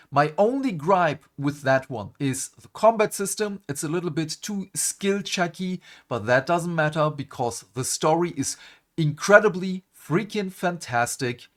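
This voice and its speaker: A man's voice: on the high side, fairly bright tone. A man hosting a gaming channel, ranting animatedly to camera in a groggy morning voice and swearing for emphasis. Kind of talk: casual gaming commentary to camera.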